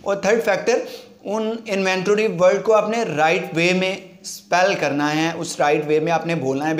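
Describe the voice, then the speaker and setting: A man teaching speaking skills in a fairly high voice. He switches between languages and says each example word slowly, over and over, to show how it sounds. The room around him is echoey. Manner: mixes English phrases into Hindi, repeats words slowly to demonstrate pronunciation. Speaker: English-speaking tutor. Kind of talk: instructional talk to camera.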